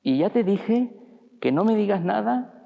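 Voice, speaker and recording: A defiant, tipsy teenage boy , acted by a male preacher snaps back in a raised, higher voice. His words carry a gravelly edge. They echo through a reverberant church on a dull, muffled recording. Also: expressive, a little slow, exaggerated voice.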